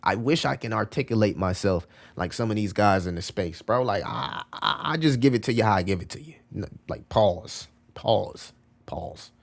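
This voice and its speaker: A man's voice: on the low side, expressive, moderate pace, vocal fry. A man hosting a casual live stream, talking in a loose, slangy and repetitive way and answering chat messages as he reads them. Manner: loose, slangy and repetitive, often calling out "bro". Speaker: crypto livestream host.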